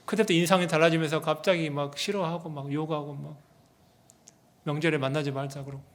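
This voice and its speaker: A man preaching a sermon as pastor, animated and asking the congregation rhetorical questions. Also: fairly high pitch, brisk. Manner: animated, acts out quoted people in their own voices.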